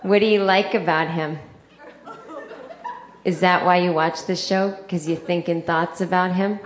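A woman's voice: on the low side, steady tone, measured pace, crowd noise, natural voice. Woman putting on her Boston-accented mother. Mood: suspicious. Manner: sweetly accusing, probing questions. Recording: roomy live-venue sound.

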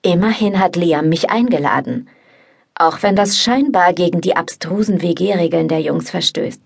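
A woman narrating a novel in the first person, with a calm, intimate manner. Her voice is low and gravelly, with a slightly husky texture. The reading is scripted and steady. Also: normal speed. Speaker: audiobook narrator.

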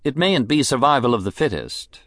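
A man's voice: mid-range voice, sing-song, moderate pace, a bit bright, dry recording, clean studio sound, voice pushed up. A man voicing a bitter, mocking rich woman. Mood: cool, bitter. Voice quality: clear, fresh, with a bitter edge. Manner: languid, mocking, contemptuous. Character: sharp-tongued bitter rich woman, middle-aged. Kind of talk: audiobook character voice.

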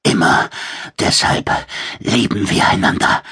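A male audiobook narrator voicing a proud but outmatched male alien warrior who speaks flatly. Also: unhurried, dry recording, clean studio sound. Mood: earnest. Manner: flat, terse. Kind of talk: audiobook character voice.

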